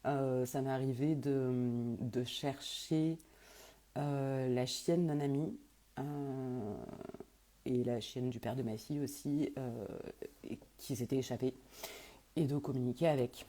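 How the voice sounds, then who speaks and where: A woman's voice: rumbling low, fairly even intonation, slow pace, warm tone. A woman working as a medium who answers viewers' questions in a casual live stream, talking hesitantly with many fillers and restarts.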